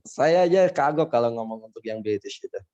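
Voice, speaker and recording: A man's voice: mid-range voice, lively intonation, fairly quick, warm tone, dull audio, soft background music. A man with an Indonesian accent teaching an English class, chatty and laughing often as he imitates accents. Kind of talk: classroom lesson, casual explaining. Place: classroom with students.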